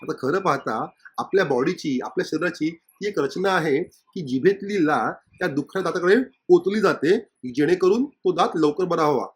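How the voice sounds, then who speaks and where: A man's voice: fairly high pitch, normal speed, hardly any pauses. A male teacher explaining a Marathi textbook lesson, reading passages aloud and acting out the dialogue lines.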